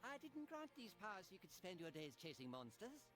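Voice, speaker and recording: A man's voice: on the high side, very animated, normal speed, music in the background, voice pushed up. A man voicing an urgent, insistent female forest fairy in a game story, speaking pointedly.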